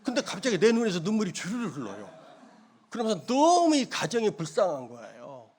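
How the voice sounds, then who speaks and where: A man's voice: sits high, huge pitch swings, brisk, darkish tone, breathy edge. A middle-aged man from South Korea preaching a sermon as pastor, telling a story with emotion and acting out the people in it.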